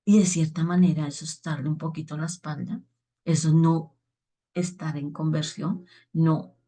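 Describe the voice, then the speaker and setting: Earnest woman preacher, low voice. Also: steady tone, normal speed, mellow. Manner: earnest, asks "¿sí?" to check on listeners. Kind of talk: spoken reflection on the daily gospel.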